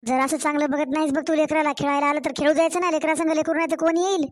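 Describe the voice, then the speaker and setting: A woman voicing a kind, caring older grandmother in an animated storybook, speaking slowly and heartfelt with a Marathwada Marathi accent. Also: high voice, dry recording, clean studio sound, lightly acted. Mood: scolding. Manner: tender, pleading, slow and heartfelt.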